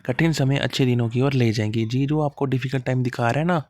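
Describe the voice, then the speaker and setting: An exam coaching teacher chats through idioms in a casual classroom explanation, going step by step, asking and answering his own questions, and acting out little dialogues. His mid-range voice is fast, fairly even, a little mellow, and free of echo.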